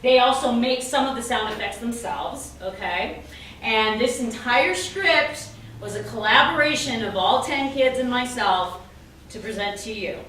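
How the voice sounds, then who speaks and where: A woman with a high, fairly bright voice, a drama instructor and director, gives an informal spoken introduction to an audience at an indoor venue with a lobby. The room is very echoey, the mic is distant, and there's faint noise.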